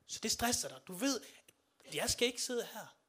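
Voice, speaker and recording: A man delivering a sermon in a voice pitched a little high for a man. He swings between hushed, low passages and loud, rising declarations, and puts questions straight to his listeners. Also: very animated, slightly rough. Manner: addresses listeners directly with questions. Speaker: preacher.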